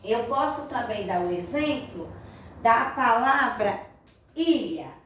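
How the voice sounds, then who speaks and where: A Brazilian woman teaching young children in a slow, sing-song voice, recorded in an echoey room from some distance. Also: on the high side, animated, a bit bright, a little hiss or hum. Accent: Brazilian Portuguese. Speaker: primary school teacher. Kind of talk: recorded remote class lesson.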